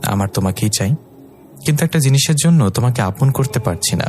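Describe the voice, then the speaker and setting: A man's voice: medium pitch, animated, brisk, darkish tone, faint music behind, natural voice. A man voicing a fiery, devoted young fairy woman who scolds in a bossy way. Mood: tender.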